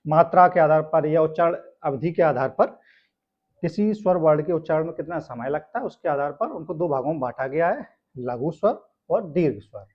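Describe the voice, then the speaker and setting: Man teaching a lesson, slightly high voice. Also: normal speed. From India. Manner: explanatory, often adds tag questions. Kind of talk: classroom lesson on grammar. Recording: dull lo-fi sound.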